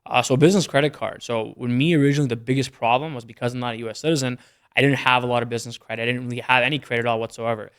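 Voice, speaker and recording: Racing through his business figures, a young entrepreneur from Canada sounds matter-of-fact as a guest in a casual podcast interview. His mid-range voice stays steady and clean in tone.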